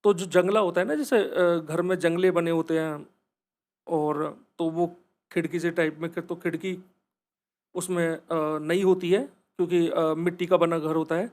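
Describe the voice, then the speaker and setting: Man, horror storyteller, high voice, conversational, talks to listeners. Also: fairly even intonation, unhurried, darkish tone. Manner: conversational, addresses listeners directly.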